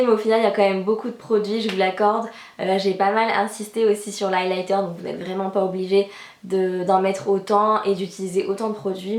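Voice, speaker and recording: A young woman giving a casual makeup tutorial as a beauty vlogger, chatty and full of fillers like "euh" and "donc voilà". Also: mid-range voice. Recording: roomy voice with loud background music. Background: background music.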